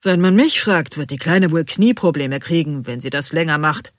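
A woman voicing a gruff, grumpy middle-aged male delivery man who grumbles bluntly, in a dry, close audiobook recording. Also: deep voice, normal speed, dry recording, lightly acted. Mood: grumbling.

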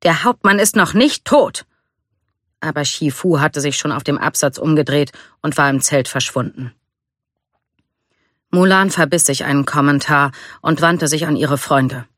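A reader narrating a storybook in a calm, even reading voice. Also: medium pitch, normal speed, no room sound, studio quality. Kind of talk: scripted narration.

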